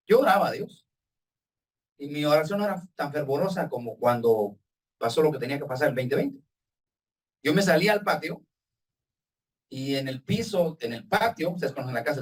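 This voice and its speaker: A man preaching a sermon to his congregation as their pastor, with emphatic swings in pitch and loudness, calling them brothers. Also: breathy edge, distant mic. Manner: addresses the congregation directly as brothers. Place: church hall with congregation and Zoom viewers.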